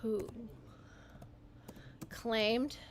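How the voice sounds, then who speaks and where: A woman hosting a livestream, talking in a meandering, halting way, often correcting herself as she types. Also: fairly high pitch, fairly even intonation, slight background noise. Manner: typing while talking. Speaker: livestream host. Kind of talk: rambling livestream monologue.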